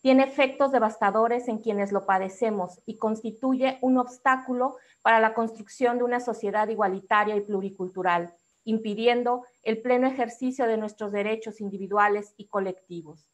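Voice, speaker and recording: Her pitch on the high side and her tone steady, a Mexican-accented woman delivers a formal, prepared address as an activist on a discussion panel, speaking with care and clarity.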